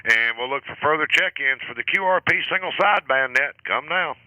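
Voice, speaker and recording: A man's voice: fairly high pitch, lively intonation, a little fast, pushed and bright, no echo, highs cut off. A man hosting a ham radio net, chatting casually and calling out call signs with an easy chuckle. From southern United States. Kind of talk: casual on-air radio chat. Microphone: station microphone.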